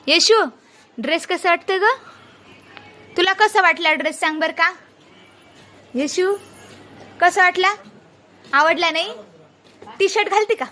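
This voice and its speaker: A woman's voice: extremely high pitch, unhurried, long pauses, pushed and bright. A young woman, a mother filming her small children, coaxing them with playful, repeated questions in a casual family vlog.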